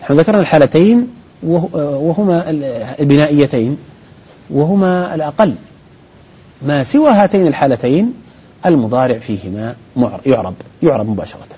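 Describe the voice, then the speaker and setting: A man teaching grammar on a call-in program, explaining patiently and methodically with pauses and restarts. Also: a little high, animated, husky. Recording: dull broadcast audio.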